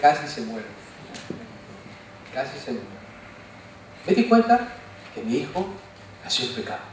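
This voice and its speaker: Preaching pastor, echoey from afar. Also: male voice, medium pitch, a little slow, a little hiss or hum. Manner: animated, asks the congregation questions; playful, jokes and mimics voices. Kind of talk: sermon. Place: church sanctuary. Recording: echoey church from far off.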